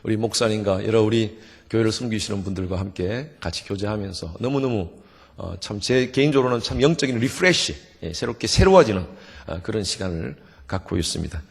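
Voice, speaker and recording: A middle-aged male pastor preaching at a revival meeting, lively and joking, having the congregation repeat after him. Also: fairly low pitch, fairly quick, creaky, slightly rough. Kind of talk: sermon. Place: church sanctuary. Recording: long church hall reverb.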